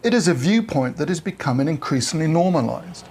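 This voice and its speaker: Gravelly male news reporter. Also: fairly high pitch, animated, a little fast, darkish tone.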